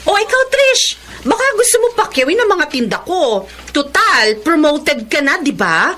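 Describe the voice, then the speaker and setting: A woman's voice: high voice, very animated, moderate pace, sharp tone, full character voice. An actress playing a young woman who lost her job and sells online, hesitant then sarcastic. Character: young woman, laid-off eldest child, proud and defiant. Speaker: lead character and narrator. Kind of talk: radio drama acting.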